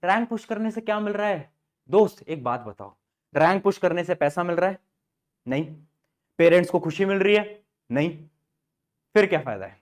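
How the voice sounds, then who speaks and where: Man, young adult, high-pitched, motivational study talk, asks and answers his own questions. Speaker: study guidance youtuber. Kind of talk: motivational study advice to students.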